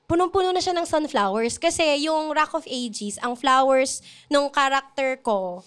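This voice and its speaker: A woman's voice: high voice, measured pace. A woman in casual chat, animatedly telling the story of her proposal and laughing often.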